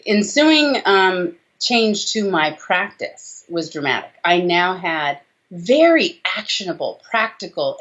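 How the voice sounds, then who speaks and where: An American woman in her forties, a doctor and author, appears as an interview guest on a video call and answers health questions conversationally, explaining with animated emphasis and rhetorical tag questions. Her voice is mid-range. She's in a small indoor room, and the call audio sounds dull.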